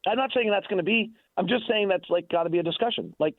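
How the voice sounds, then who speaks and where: Speaking quickly in a high-pitched voice, this American man debates sports off the cuff on a radio show. The recording is dry, the phone line sounds thin, and he hammers his points home emphatically, repeating himself often.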